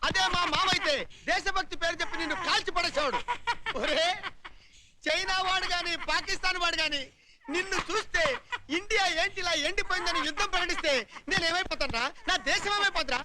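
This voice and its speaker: A bossy young man who bellows insult after insult at clumsy recruits. His voice sits very high and piercing for a man and scolds in rapid bursts. The film soundtrack carries clear background noise under him. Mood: scolding. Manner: scolding, rapid-fire insults, repeated outbursts. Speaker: comic lead in a film. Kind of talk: 1990s film comedy acting.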